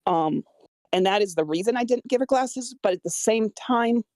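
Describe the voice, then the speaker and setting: A woman with a somewhat high, expressive, slightly mellow voice speaks at a moderate pace in a clean, echo-free studio recording. She's a screenwriter talking through feedback on her own script, casual and hesitant, often stammering as she explains her choices.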